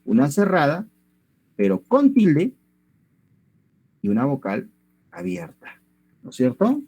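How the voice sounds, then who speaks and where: Patient male teacher with a lively voice. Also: a little high, slow pace, slightly rough, no room sound. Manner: patient, step by step, keeps checking understanding. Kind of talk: online language lesson.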